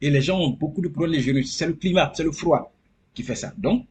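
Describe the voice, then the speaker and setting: Earnest husky man. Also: fairly high pitch, brisk, a little mellow. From Côte d'Ivoire. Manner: earnest, repeats phrases for emphasis. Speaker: interview guest. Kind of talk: casual interview.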